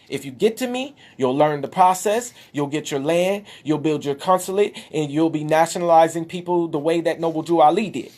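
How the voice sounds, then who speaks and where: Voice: mid-range voice, a little mellow. Impassioned monologue voice, emphatic and preachy, a little winded. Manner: preachy, emphatic, exclaims at times. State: out of breath. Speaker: speaker addressing followers. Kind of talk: impassioned monologue showing documents.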